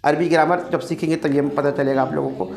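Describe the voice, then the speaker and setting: A woman teaching an online Quran recitation class, patiently repeating each word slowly for her students to copy. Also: low-pitched, steady tone, vocal fry, darkish tone, echoey room.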